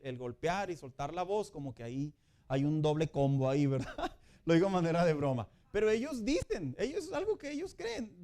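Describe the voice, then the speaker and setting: A middle-aged man, preaching a Sunday school sermon in a lively, joking way. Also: high-pitched. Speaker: pastor.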